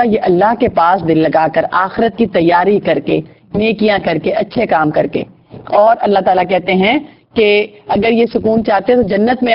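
A woman's voice: mid-range voice, dull audio. A woman teaching a religious lesson to girls, asking rhetorical questions and often adding tag questions.

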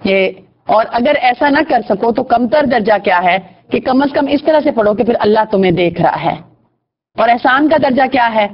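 A woman's voice: on the high side, animated, breathy edge, muffled recording. A woman teaching a religious lesson to girls, asking rhetorical questions and often adding tag questions.

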